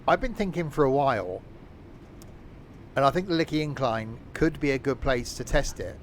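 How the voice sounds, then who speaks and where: A man in the middle of his range, talking loosely and sarcastically as he streams a train game. Faint engine and track sounds sit quietly behind his voice. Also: medium pitch, expressive, moderate pace, a little hiss or hum. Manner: chatty, self-mocking sarcastic asides. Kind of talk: live game stream commentary.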